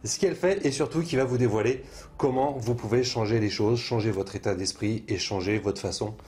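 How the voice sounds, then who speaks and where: A man's voice: lowish voice, fairly quick, darkish tone. A man hosting a video interview, speaking conversationally with hesitant, circling phrasing as he introduces and sums up ideas. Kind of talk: conversational interview, summing up guest's points.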